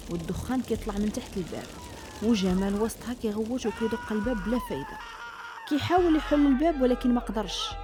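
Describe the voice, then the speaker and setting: A woman's voice: medium pitch, warm tone. A woman with a Moroccan accent narrating a scripted horror story in a dramatic, suspenseful way. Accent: Moroccan Arabic.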